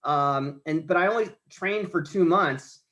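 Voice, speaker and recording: A podcast guest from the United States, in his late forties, rambles through a casual conversation about marathons, often stammering and restarting sentences. His voice is a little high, unhurried, and fairly bright, heard on a muffled recording.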